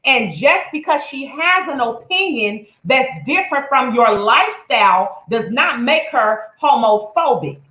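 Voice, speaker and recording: A woman's voice: high voice, lively intonation, a little slow, hardly any pauses, sharp tone, roomy sound, low-quality recording. A woman hosting a live stream, giving blunt, profane, indignant commentary. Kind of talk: heated commentary.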